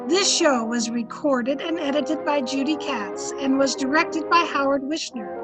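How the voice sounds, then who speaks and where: A woman's voice: high voice, a little slow, low-quality recording. A woman host reading scripted closing credits in the style of an old-time radio announcer. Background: music.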